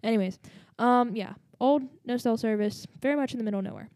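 A woman tells a story in a loose, rambling way, with many fillers and asides. A slight lisp colours her speech, and her tone is mellow and dark. The sound is dry, with no room echo. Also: fairly high pitch, fast talker. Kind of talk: casual storytelling.

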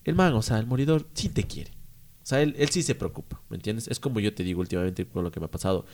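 A young man, co-hosting a podcast in casual chat, slangy and quick to swear. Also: fairly low pitch. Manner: animated, slangy, swears freely. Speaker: podcast co-host.

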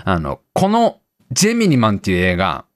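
Brief: animated man in his thirties, quick swooping delivery, dry close mic, acts out quotes. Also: low-pitched, no echo. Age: 30s. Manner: animated storyteller, acts out lines, laughs often. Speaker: radio show co-host. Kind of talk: casual chat retelling a film with acted quotes.

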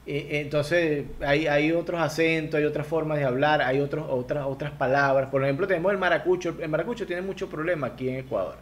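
A man's voice: fairly high pitch, steady tone, a little fast, few pauses. A man from Venezuela with a Lara-region Venezuelan accent, a stand-up comedian chatting as a guest in an interview. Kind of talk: casual interview chat.

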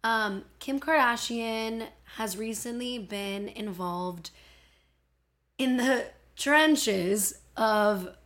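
A woman's voice: on the high side, extremely slow, fairly bright tone. A woman with a Miami accent hosting a casual solo podcast, talking in an informal, playful and self-deprecating way. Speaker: podcast host.

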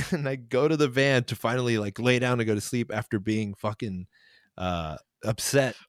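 A man's voice: mid-range voice, normal speed, no room sound, studio quality. Rambling young man telling a story. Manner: rambling, laughs through his story. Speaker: podcast co-host, band member. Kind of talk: casual storytelling chat.

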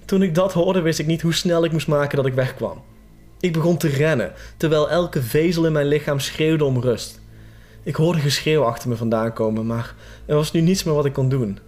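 A man narrating a scripted horror story in a steady, suspenseful manner. His voice sits somewhat high for a man, and faint music plays behind him. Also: moderate pace.

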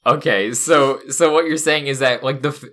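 A man's voice: medium pitch, normal speed, bright, forceful tone. A young man co-hosting a casual comedic chat, playful and mock-serious, often laughing. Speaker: podcast co-host.

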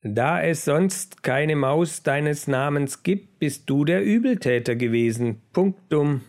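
A man voicing a sly, clever male mouse who mocks and shouts orders with a piercing voice and a rolled R. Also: on the high side, slow. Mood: commanding, mocking.

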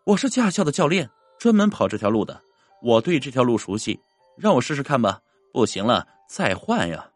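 A man's voice: mid-range voice, very animated, brisk, no room sound, faint music behind. A man voicing a confident young woman in her mid-twenties who works as a driving instructor. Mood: insistent.

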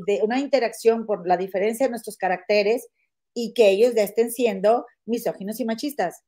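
Mujer parlanchina con acento del norte de México. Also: female voice, fairly high pitch. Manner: chatty, animated, keeps saying "comadre". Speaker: podcast host. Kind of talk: casual gossip chat.

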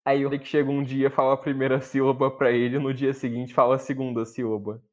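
A man's voice: medium pitch, flat delivery, fairly quick, darkish tone. Man chatting on a dull remote mic. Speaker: podcast co-host. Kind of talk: casual chat.

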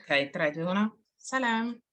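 A woman's voice: medium pitch, lively intonation, measured pace, a bit bright. A woman co-hosting a podcast in casual chat, with a playful, teasing manner. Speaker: podcast co-host.

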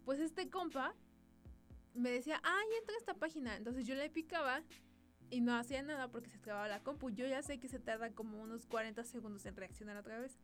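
A woman's voice: on the high side, a little fast, soft background music. Exasperated young Mexican woman, slangy. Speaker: podcast host. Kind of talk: casual storytelling monologue.

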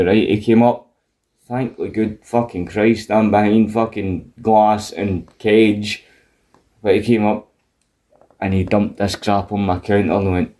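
Man, broad Scottish accent, relaxed dark tone, casual storytelling, colloquial, foul-mouthed. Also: fairly low pitch. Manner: coarse, sweary, colloquial. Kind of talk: casual chat, animated storytelling.

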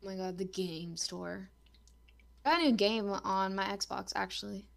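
A woman's voice: mid-range voice, steady tone, normal speed, gravelly. A young woman hosting a casual podcast chat, talking loosely with lots of fillers and restarts. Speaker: podcast host.

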